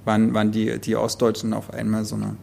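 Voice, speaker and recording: A man's voice: fairly low pitch, completely flat delivery, fairly quick, vocal fry, warm tone, slight background noise. A man from eastern Germany co-hosting a literary podcast, talking through a novel in a rambling, thoughtful way with many restarts. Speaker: podcast co-host. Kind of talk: casual book discussion.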